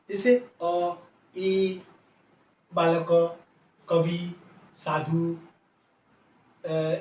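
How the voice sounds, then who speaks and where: Slow-speaking man teaching, distant and roomy. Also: high voice. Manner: slow, repeats each point in Sanskrit and then Hindi. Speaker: Sanskrit teacher. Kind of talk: classroom lesson. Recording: roomy, distant, dull sound with faint noise.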